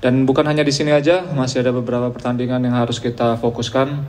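Young player, flat steady delivery. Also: male voice, mid-range voice, fast talker. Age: young adult. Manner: earnest, steady thanks with occasional fillers. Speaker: football player. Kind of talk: post-match press conference. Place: press room in front of a sponsor backdrop. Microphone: table microphone.

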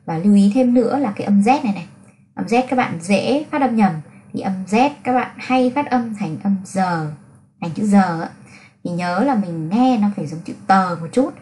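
A woman teaching pronunciation, drilling syllables one by one and explaining clearly. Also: medium pitch, lively intonation, warm tone, a little hiss or hum. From Vietnam. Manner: slow, deliberate syllable-by-syllable enunciation.

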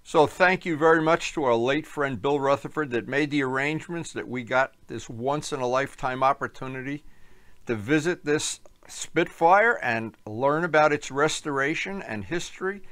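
A man's voice: medium pitch, moderate pace, fairly bright tone. A man hosting a video in a hangar, chatting eagerly and exclaiming in amazement. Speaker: video host. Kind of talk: casual interview chat. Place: aircraft hangar.

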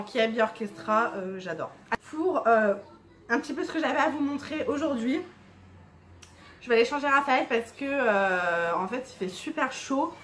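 A young woman chatting casually at home as a vlogger, full of fillers and asides. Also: fairly high pitch. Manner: chatty, many fillers, drops to a hushed murmur in the evening. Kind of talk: casual chat.

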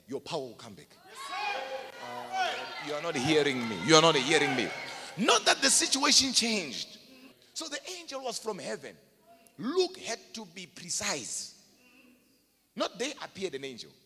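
A man's voice: on the high side, bright, forceful tone. A man preaching a sermon to a congregation, emphatic and calling for their responses. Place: church hall. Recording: reverberant hall.

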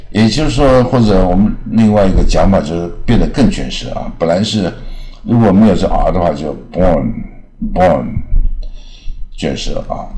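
A man teaching English pronunciation in a casual lesson, drawing out phrases with a trailing "ah" and repeating words slowly to demonstrate. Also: deep voice, mellow. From Taiwan. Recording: echoey room.

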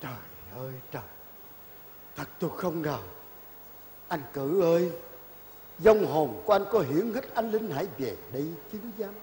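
An actor playing a proud, hospitable older patriarch in a stage play, speaking in a booming, declamatory way. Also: male voice, animated, normal speed, dark tone, a little hiss or hum. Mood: anguished. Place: theater stage. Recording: stage with long reverb and music.

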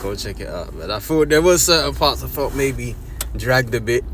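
A man's voice: mid-range voice, expressive, normal speed, fairly bright tone. Blunt man over traffic noise. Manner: blunt, profane, street slang, repeats "man". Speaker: scripture commentator. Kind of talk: casual scripture commentary.

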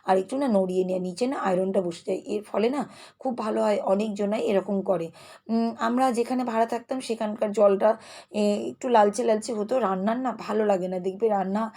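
Fast-talking chatty woman. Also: mid-range voice, warm tone. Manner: fast, chatty, restless talker. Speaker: lifestyle vlogger. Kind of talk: casual vlog narration. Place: home kitchen.

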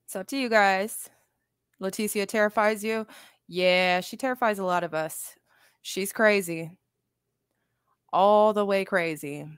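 Smooth-voiced woman hosting a livestream. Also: medium pitch, a little slow, pauses often, no echo, studio quality. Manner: chatty, laid-back, talks to her chat. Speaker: commentary channel host. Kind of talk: casual live-stream commentary.

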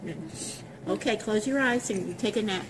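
A woman speaking as a nurse, casually reassuring and gently instructing a patient and parent. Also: mid-range voice, normal speed. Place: hospital recovery bay, indoors. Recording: noisy hospital room.

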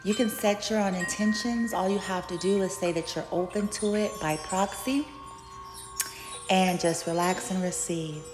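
A woman speaking as a Reiki healer and channel host, giving a spiritual session preview in a soothing, unhurried, mystical manner. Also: mid-range voice. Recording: echoey reverberant sound with music and chimes.

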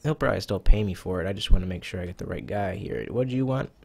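A man's voice: sits low, steady tone, very fast, gravelly, slightly rough, poor audio. A man giving casual, chatty commentary over a browser cooking game, talking to himself as he plays and swearing now and then, a little out of breath. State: slightly out of breath. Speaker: gaming YouTuber. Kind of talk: casual let's-play commentary.

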